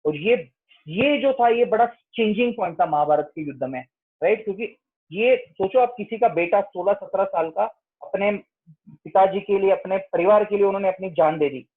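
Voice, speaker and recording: A man's voice: high-pitched, expressive, moderate pace. Man explaining scripture over a tinny line. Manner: explains with frequent rhetorical "right?" checks. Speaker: spiritual discussion speaker.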